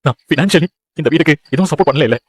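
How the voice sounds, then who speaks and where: A discouraged young dreamer. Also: male voice, a little high, very fast, slightly rough, no echo. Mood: dejected. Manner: dejected, earnest, pleading. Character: discouraged young man chasing film dreams. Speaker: son, aspiring film director. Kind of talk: TV serial acting.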